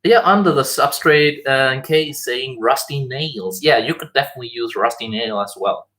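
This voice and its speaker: A man's voice: mid-range voice, normal speed, sharp tone, echoey room, recorded from a distance, poor audio. A man with a Danish accent chatting casually and joking, full of likes and little laughs. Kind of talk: casual chat.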